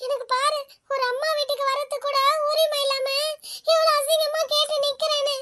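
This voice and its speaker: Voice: very high-pitched, flat delivery, normal speed, bright, forceful tone. புண்பட்ட இளம் பெண் பாத்திரம், அழுகுரல் பேச்சு. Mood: hurt whining. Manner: whining, wounded. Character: hurt young married sister, tearful and demanding.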